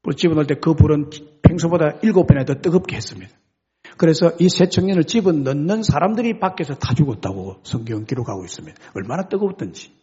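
Man, pastor, sermon storytelling, raspy, lively rising and falling pitch, animated, conversational. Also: quick pace, muffled recording.

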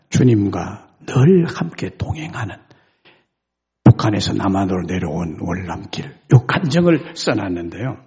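Raspy, gravelly Korean-church pastor. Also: male voice, mid-range voice, dull audio. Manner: animated, conversational retelling. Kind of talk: sermon storytelling.

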